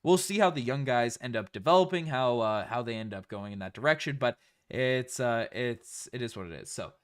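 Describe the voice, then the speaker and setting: A man's voice: medium pitch, animated, brisk, clean tone. Man with a light Newfoundland accent, livestreaming. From Newfoundland, Canada. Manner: repeats phrases for emphasis. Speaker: sports livestream host. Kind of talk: casual livestream sports chat.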